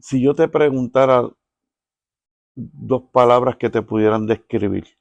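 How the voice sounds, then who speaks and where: A man's voice: mid-range voice, measured pace, gravelly, no echo, highs cut off. A man hosting a Spanish-language interview podcast, asking questions earnestly and often adding tag questions. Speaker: podcast host.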